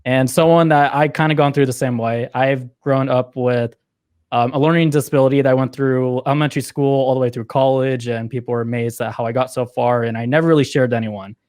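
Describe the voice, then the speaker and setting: A man hosts a podcast in an earnest, halting way, often starting over as he frames his questions. His voice sits at a middle pitch. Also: fairly even intonation, a little mellow. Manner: halting, earnest, many fillers and restarts. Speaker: podcast host. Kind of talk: conversational interview.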